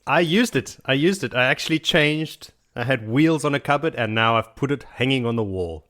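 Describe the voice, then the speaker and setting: A man's voice: medium pitch, lively intonation, normal speed, fairly bright tone. A man co-hosting a podcast, chatting casually in a playful, jokey way. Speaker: podcast co-host.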